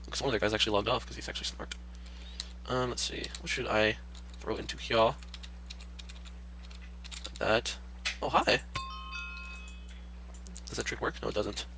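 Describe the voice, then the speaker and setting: A man's voice: on the low side, steady tone, normal speed, long pauses, bright, forceful tone, a little hiss or hum. A man hosting a gaming channel who sounds slightly sick, rambling casually and muttering to himself as he plays. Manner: rambling, talks to himself while playing. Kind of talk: casual gameplay commentary.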